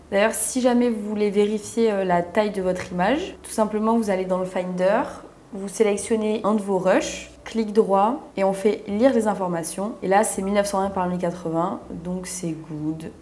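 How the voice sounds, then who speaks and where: A woman's voice: mid-range voice, warm tone, slight background noise. A young woman teaching video editing in a chatty, slangy, self-mocking way, working at her computer at home. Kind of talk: casual tutorial.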